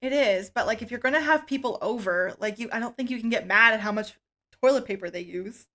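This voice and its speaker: A woman with a slightly high voice, co-hosting a laid-back podcast. She reads listener stories aloud and weighs in with easygoing opinions, often letting her words drop off into a soft mutter. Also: fairly quick. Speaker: podcast co-host. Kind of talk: casual chat and reading stories aloud.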